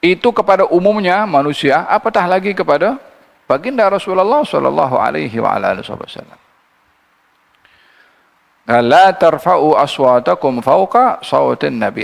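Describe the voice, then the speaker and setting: Male religious teacher, gravelly, lecturing under long reverb. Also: on the high side. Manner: recites Arabic verses slowly, then explains in a lively teaching voice. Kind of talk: Quran commentary lecture.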